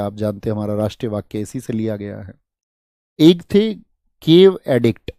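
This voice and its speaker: A male teacher from India giving a fast exam-prep history lecture, firing questions at students and answering them himself. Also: mid-range voice, mellow, dry recording, studio quality.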